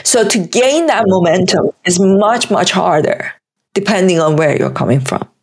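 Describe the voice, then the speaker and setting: A woman's voice: on the low side, animated, moderate pace, slightly rough. A woman, a Persian speaker, talking earnestly and at length as a podcast guest. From Iran. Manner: earnest, emphatic, talks in long runs. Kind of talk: conversational interview.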